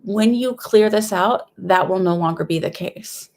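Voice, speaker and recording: A young woman with a lisp, a whistling s and a slight cold, speaking fairly quietly and hesitantly in a casual livestream psychic reading. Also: medium pitch, measured pace, slight background noise. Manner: hesitant, rambling, conversational. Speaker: psychic medium host giving live readings.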